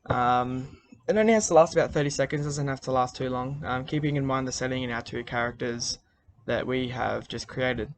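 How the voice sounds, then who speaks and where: Aussie teacher guy explaining a task, easygoing, lots of ums, medium pitch. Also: moderate pace, slight background noise. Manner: relaxed, many fillers. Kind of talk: recorded class instructions.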